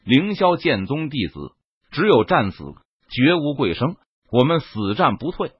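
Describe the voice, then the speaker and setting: A man voicing a fierce, defiant sword-sect leader who shouts proud battle cries in an audiobook. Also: mid-range voice, big pitch swings, measured pace, breathy edge, dry recording, lo-fi sound, heavily acted.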